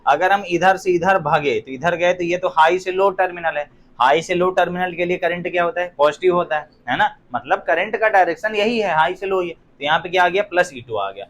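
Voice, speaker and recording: A man's voice: high-pitched, a little fast, a bit bright. A young man teaching physics in a classroom, firing rhetorical questions at his students and throwing in joking asides. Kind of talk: classroom lecture.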